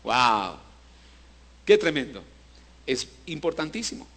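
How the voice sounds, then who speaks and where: A male pastor preaching a sermon, asking the congregation to repeat after him and swinging between loud emphasis and low, hushed lines. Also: animated, normal speed. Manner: preaching with call-and-response to the congregation.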